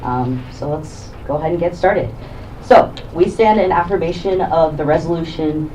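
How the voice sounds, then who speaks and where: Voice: mid-range voice, moderate pace, warm tone. A young student debater giving an organized, upbeat opening speech. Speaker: debater, prime minister bench. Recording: distant mic with faint room noise.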